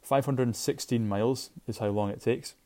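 A man's voice: mid-range voice, normal speed, warm tone. A man from Shetland with a Shetland Scottish accent, hosting a casual solo podcast in an informal, enthusiastic way and often repeating himself. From Shetland, Scotland. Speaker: podcast host.

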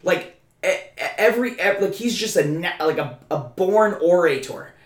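A man's voice: high-pitched, expressive, moderate pace. A man co-hosting a podcast in casual chat, stammering through restarts and talking emphatically. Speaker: podcast co-host. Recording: roomy echo.

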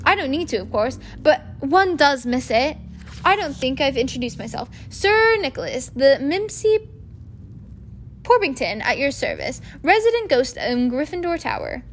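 A woman's voice: sits high, very animated, normal speed, a little hiss or hum. A woman voicing the ghost of an old nobleman who speaks stiffly and properly, wistful and easily miffed.

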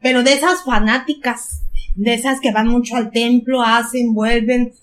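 In a casual podcast chat, an older woman with a Mexican accent tells a story without hurrying, repeating words for emphasis. Her voice is fairly high and her tone steady.

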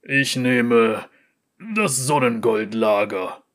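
A man voicing a huge, scarred, brawny brewer who rumbles gruff and blunt. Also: drawn-out words, fairly bright tone.

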